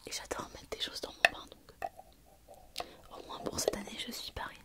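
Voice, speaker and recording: In this clip, an ASMR creator presents a show-and-tell in a soft whisper. She has a head cold, and her speech includes many pauses and fillers.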